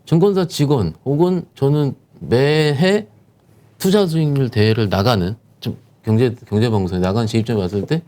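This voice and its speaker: A man's voice: medium pitch, moderate pace, darkish tone. A man, a securities firm manager, explaining stock market conditions as a guest, emphatic and posing rhetorical questions.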